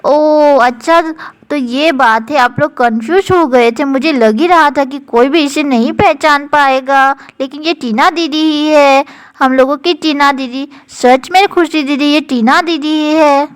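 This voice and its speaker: A woman's voice: high voice, unhurried. A woman voicing an eager little girl doll who explains things earnestly. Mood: explaining.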